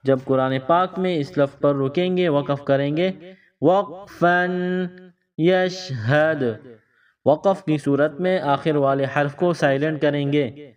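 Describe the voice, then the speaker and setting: A man teaching children to read Quranic letters, explaining each rule and then sounding out syllables slowly and repeating them twice. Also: fairly high pitch, steady tone, darkish tone. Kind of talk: slow spelled-out recitation lesson for kids. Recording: dull lo-fi sound from a distance.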